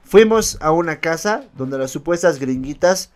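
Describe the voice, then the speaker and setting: Podcast co-host, man, laughing storyteller, lively and slightly high. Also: moderate pace. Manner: laughs often, reads a story aloud with acted quotes. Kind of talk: casual comedic storytelling.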